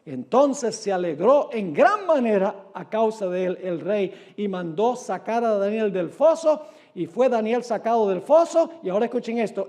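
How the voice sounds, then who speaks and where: A man preaching a sermon who reads scripture aloud with dramatic, drawn-out emphasis and asks his listeners rhetorical questions. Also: high voice, darkish tone.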